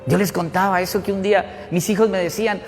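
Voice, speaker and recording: Middle-aged man, pastor, high-ish voice, dramatic sermon delivery, reverberant church hall. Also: fast talker, faint music behind. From Colombia. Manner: animated storytelling, swings from loud to hushed. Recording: church hall reverb with faint room noise.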